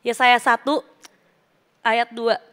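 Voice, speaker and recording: A woman's voice: on the high side, little pitch movement, takes it slowly, fairly bright tone. A middle-aged woman preacher giving a casual, conversational sermon and mixing English phrases into her speech.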